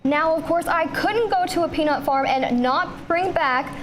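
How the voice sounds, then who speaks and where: A woman's voice: very high voice, unhurried. A woman news reporter and anchor, speaking on camera and chatting in a friendly way in the studio.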